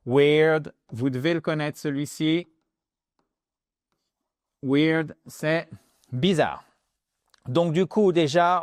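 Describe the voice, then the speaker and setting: A man giving an English lesson in French, explaining lively and switching into English examples. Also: a little high, dry recording, studio quality. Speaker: English teacher. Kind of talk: video lesson.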